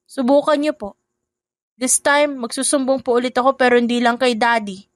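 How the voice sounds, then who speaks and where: A young stepdaughter in a narrated audio drama, steady and respectful yet firm, as a woman voices her. The tone sits slightly high and sounds close to the mic with a dry finish. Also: normal speed, no room sound, natural voice. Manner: calm, polite and firm. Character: young stepdaughter, calm, polite, newly brave.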